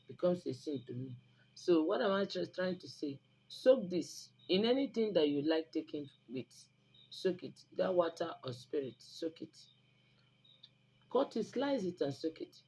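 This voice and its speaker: Low-pitched and mellow, this woman's voice belongs to an online video host giving herbal remedy advice. A native Igbo speaker with a Nigerian Igbo accent, she addresses viewers informally and instructively in an emphatic, preachy way, repeating phrases for emphasis. The recording is rough, and background noise can be clearly heard.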